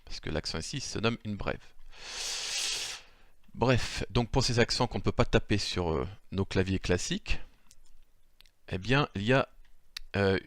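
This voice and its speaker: A man's voice: fairly low pitch, animated, a little slow, long pauses, no echo, clean studio sound. A man giving an improvised spoken lesson, hesitant, with many fillers, correcting himself as he goes. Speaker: language teacher. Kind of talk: improvised screen-share lesson.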